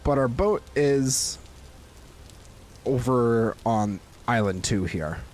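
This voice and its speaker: A man's voice: medium pitch, lively intonation, takes it slowly, darkish tone, slight background noise. A man casually commenting on his gameplay in a joking, wry way. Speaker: gameplay host. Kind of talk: casual let's-play commentary.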